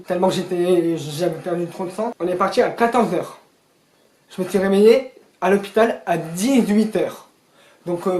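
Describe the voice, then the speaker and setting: A teenage boy casually telling a storytime vlog, rambling and animated with joking asides to viewers. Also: high voice, slight background noise. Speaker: storyteller vlogger. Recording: echoey room.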